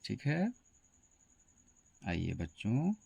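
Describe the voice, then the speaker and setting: A man's voice: lowish voice, wildly swooping pitch, drawn-out words, creaky, darkish tone, husky, no echo, lo-fi sound. A man teaching a pronunciation lesson to students, spelling out words letter by letter.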